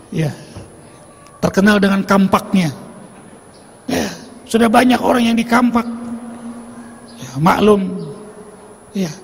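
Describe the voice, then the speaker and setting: A man's voice: high voice, vocal fry, a little mellow, slightly rough. A man preaching a fervent sermon, calling out to his congregation. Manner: fervent, rousing, calls out to the congregation. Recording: long hall reverb.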